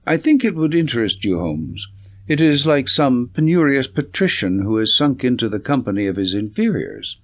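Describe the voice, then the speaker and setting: A man voicing an earnest, observant gentleman doctor in an audiobook, descriptive and slightly poetic. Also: mid-range voice, very animated, moderate pace. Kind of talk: audiobook character reading.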